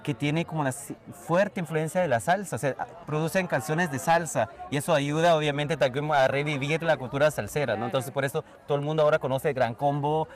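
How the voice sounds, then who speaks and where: A man's voice: a little high, brisk, hardly any pauses. A man who is a guest DJ, chatting casually and eagerly outdoors, with frequent fillers. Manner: enthusiastic, talkative, lots of fillers. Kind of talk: casual conversation.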